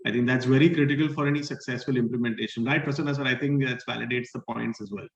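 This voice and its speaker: Guy moderating a webinar, talks fast, polite and apologetic, muffled echoey call audio. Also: mid-range voice, steady tone. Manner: polite, deferential, apologizes and yields the floor. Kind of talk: webinar panel discussion.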